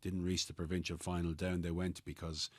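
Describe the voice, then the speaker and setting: An Irish man discussing Gaelic football as a pundit in a measured, analytical manner. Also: low-pitched, little pitch movement, dry recording. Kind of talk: sports discussion.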